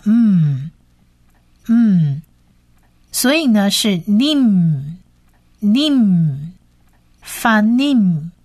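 Female teacher, unhurried delivery, patient, drills each sound by repetition. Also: medium pitch. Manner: patient, repeats each sound slowly several times. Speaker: Hebrew language teacher. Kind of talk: slow spoken lesson.

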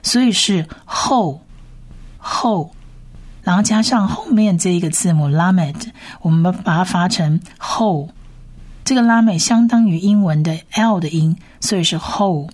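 A woman teaching how to read Hebrew words, spelling out each sound and repeating it slowly. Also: fairly low pitch, a little mellow. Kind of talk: slow reading lesson.

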